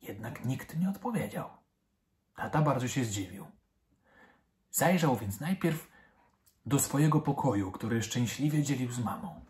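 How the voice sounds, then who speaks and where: A man reading a children's story aloud, narrating in a gentle, expressive way. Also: medium pitch, unhurried, pauses often.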